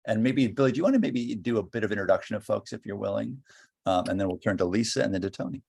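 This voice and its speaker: A man's voice: on the low side, quick pace, creaky, a little mellow, husky, dry recording, studio quality. A man chairing an online meeting, hesitant with many fillers. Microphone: video call.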